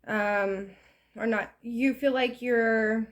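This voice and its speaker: A woman's voice: a little high, fairly even intonation, takes it slowly. A woman giving a casual, rambling tarot reading in a chatty, self-deprecating way. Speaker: tarot reader.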